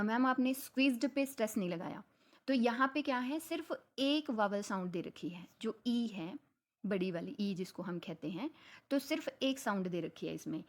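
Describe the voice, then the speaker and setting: A young woman, a Hindi speaker, explaining a lesson in a conversational way and mixing terms into her Hindi. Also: mid-range voice. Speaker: English teacher. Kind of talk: explanatory lecture.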